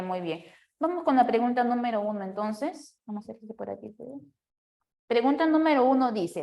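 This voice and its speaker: A woman teacher with a fairly high voice guides a class through exercises. She explains step by step and often stops to check that the students follow. Her manner is lively and full of questions. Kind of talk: classroom lecture.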